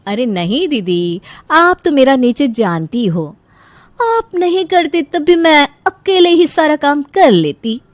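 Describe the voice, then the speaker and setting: A woman's voice: high-pitched, expressive, slow pace, no echo, voice pushed up. A woman voicing a cheerful, carefree young daughter-in-law who breezily shrugs off every scolding in a cartoon story. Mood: breezy. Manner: breezy, chirpy, brushes off scolding.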